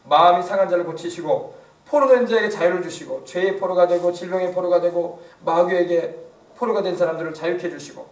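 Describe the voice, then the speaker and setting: A male pastor with a high voice preaches a sermon briskly and emphatically, frequently posing questions to the congregation. He is recorded from a distance in an echoey church.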